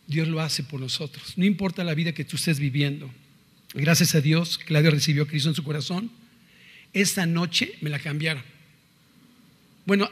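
A man's voice: on the high side, a bit bright, slightly rough. A middle-aged man with a Mexican accent giving an earnest, confessional religious testimony and quoting scripture. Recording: reverberant hall.

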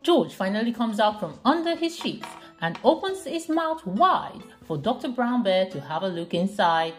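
A mother of a young child reads a picture book aloud indoors in her kitchen, faint children's music in the background. Speaking at a normal speed in a medium-pitched, sing-song voice, she asks questions, offers encouragement, and echoes her child's answers.

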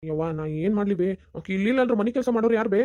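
A woman's voice: mid-range voice, animated, very fast, a little mellow, no echo, lightly acted. A woman voicing a defensive, grumbling grown son in a cartoon, speaking in a North Karnataka Kannada accent. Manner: pleading, defensive. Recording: dull, muffled sound.

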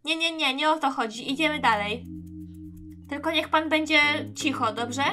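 A woman's voice: high-pitched, moderate pace, over music, natural voice. Woman doing a bossy toy secret agent. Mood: interrogating. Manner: bossy, commanding. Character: self-important male toy secret agent.

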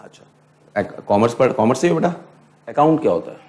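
A man's voice: medium pitch, big pitch swings, darkish tone. Hindi-English lecturing male teacher. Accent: Indian English. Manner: mixes Hindi and English, slows right down to dictate definitions, asks students questions. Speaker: accounting lecturer. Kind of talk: classroom lecture. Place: classroom with students.

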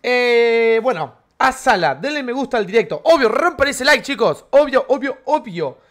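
Argentine man, lively gaming streamer, high pitched voice, slangy and chatty. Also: moderate pace. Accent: Argentine Spanish. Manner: energetic, slangy, chatty with viewers. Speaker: game streamer. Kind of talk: live game stream chat.

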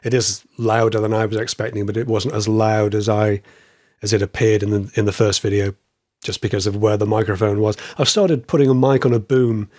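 Slightly wheezy, croaky man chatting. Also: fairly low pitch, fairly even intonation, brisk, darkish tone, no room sound, clean studio sound. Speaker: podcast host. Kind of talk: casual chat.

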